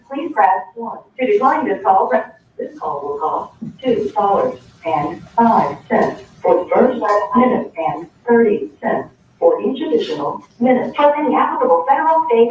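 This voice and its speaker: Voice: medium pitch, a little hiss or hum. Automated payphone collect-call prompt, echoey. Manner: flat recorded announcement, reading fees and options. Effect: payphone collect-call recording played over courtroom speakers. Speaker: automated jail phone system prompt. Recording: distant, echoey, muffled phone-call playback in a courtroom.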